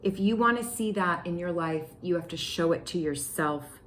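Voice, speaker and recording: A young woman giving a tarot reading to her viewers, excitable and slangy, talking straight to them. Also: fairly low pitch, moderate pace, a little hiss or hum. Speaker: tarot reader. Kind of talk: casual tarot reading to camera.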